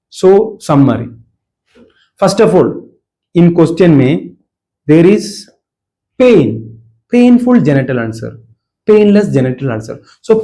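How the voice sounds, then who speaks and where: A man's voice: fairly high pitch, mellow, low-quality recording. A man with a Malayali Indian accent, a native Malayalam speaker, teaching an informal exam-revision lecture, emphatically repeating key words and checking for understanding. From Kerala, India. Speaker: medical exam coaching teacher.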